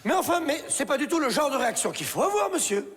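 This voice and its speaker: A flustered, stiff store manager, stammering with indignation. His voice is high and animated, swinging widely in pitch. A long theater reverb and faint ambience surround it. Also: fast talker, noisy background. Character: flustered middle-aged store manager, stiff and easily exasperated. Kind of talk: stage play acting. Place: theater stage.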